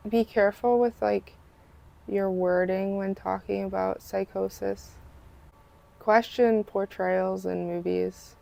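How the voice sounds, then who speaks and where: A woman guest on a podcast, giving quiet, plain-spoken, brief replies. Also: medium pitch, steady tone, takes it slowly, creaky. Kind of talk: casual interview chat.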